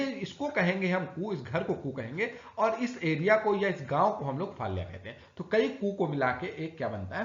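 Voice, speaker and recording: Male exam tutor, lively pitch swings, roomy and muffled recording. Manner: lively, repetitive teaching with rhetorical questions. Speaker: exam-prep teacher. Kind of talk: recorded lecture. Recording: echoey, dull lo-fi room recording.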